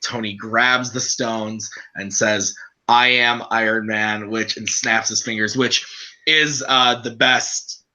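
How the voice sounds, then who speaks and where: A man's voice: lowish voice, fairly even intonation, slow, bright, forceful tone. A man hosting a casual podcast, recapping scenes and steering the talk. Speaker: host. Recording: dull lo-fi mic.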